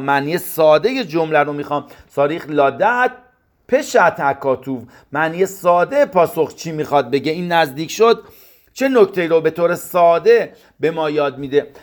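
A man giving a text study lesson, chanting scripture verses and then explaining them, posing questions as he goes. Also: a little high. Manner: poses questions to the listener. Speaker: Torah teacher.

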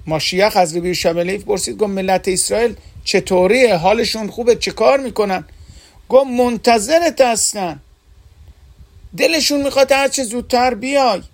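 A man delivering an earnest sermon as a religious teacher, retelling stories and speaking directly to his listeners. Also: high voice. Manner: earnest storytelling, addresses listeners as dear friends.

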